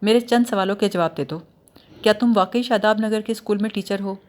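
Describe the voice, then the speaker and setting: A woman voices a clever young male detective who plays the fool, questioning calmly with a teasing, probing edge. Her voice is mid-range and natural.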